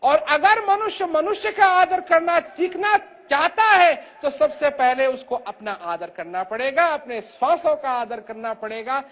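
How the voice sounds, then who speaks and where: An older man giving an emphatic spiritual discourse, speaking loudly and from the heart, his voice rising and falling. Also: animated, a little slow, few pauses. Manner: rises and falls in pitch and loudness. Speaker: spiritual teacher.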